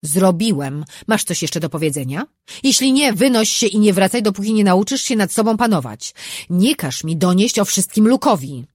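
An audiobook narrator voicing a weary, stern male demon who gives hard orders, in a husky, dry recording. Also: medium pitch, animated, a little slow, darkish tone, dry recording. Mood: commanding.

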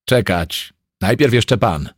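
A man's voice: on the low side, expressive, slow pace, slightly rough, no echo, studio quality, pitched above the performer's own voice, exaggerated voice. A man voicing a hostile police desk officer woman who snaps curt, venomous replies.

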